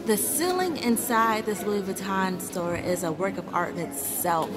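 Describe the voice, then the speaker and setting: A woman narrating a casual travel vlog with a handheld camera, chatty and relaxed, moving through a hotel room and city streets. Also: mid-range voice, unhurried, loud music behind the voice. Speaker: vlogger. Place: hotel room, streets and shops, indoors and outdoors.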